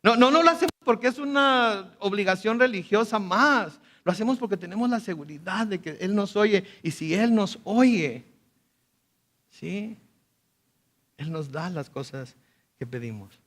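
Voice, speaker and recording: A male pastor preaching a conversational sermon with animated asides and frequent restarts. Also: high-pitched, measured pace. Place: school auditorium.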